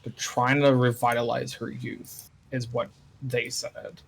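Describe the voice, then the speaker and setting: A man's voice: medium pitch, level tone, unhurried, creaky, breathy edge. A man playing a tabletop game, talking loosely and casually, joking and swearing as he recaps and plans. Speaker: player.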